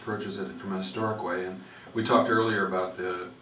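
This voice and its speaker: A man working as a public radio host, interviewing conversationally in halting, rambling phrases. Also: low-pitched, little pitch movement, fairly bright tone. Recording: roomy, distant, noisy radio interview.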